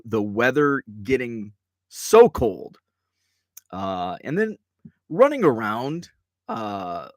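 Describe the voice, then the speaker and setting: The middle-aged host of a card-collecting show chats casually during a live broadcast from a card room, sounding tired and congested. His medium-pitched voice rises and falls widely as he rambles through restarts, tangents, and asides. The recording is close and dry, without echo.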